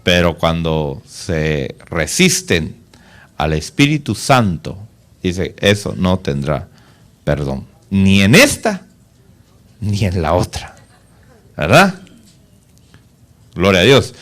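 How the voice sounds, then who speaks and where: A male pastor preaching a sermon, asking the congregation rhetorical questions and dropping to a soft, low voice for solemn points. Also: big pitch swings, slow, long pauses.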